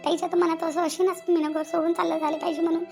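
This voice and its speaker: Give me a woman playing a stubborn young wife, fast and high-pitched. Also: level tone, creaky, a little mellow, faint music behind. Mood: aggrieved. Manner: complaining, repeats herself. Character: sulky stubborn young wife at her mother's. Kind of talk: cartoon voice acting.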